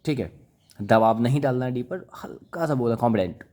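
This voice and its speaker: A man's voice: mid-range voice, brisk, mellow. A man teaching with repeated questions. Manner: repeats words and quizzes listeners with questions; coaxing, calls listeners brother and child. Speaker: English vocabulary teacher. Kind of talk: classroom lecture.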